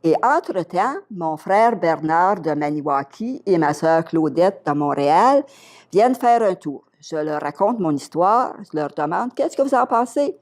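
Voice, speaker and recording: An older woman with a Québécois French accent tells a long personal story as an interview guest, slipping into the voices of the people in it. Her voice sits a little low for a woman. She speaks in the lively, animated way of a retired teacher. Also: measured pace. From Quebec. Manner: lively storyteller, acts out dialogue.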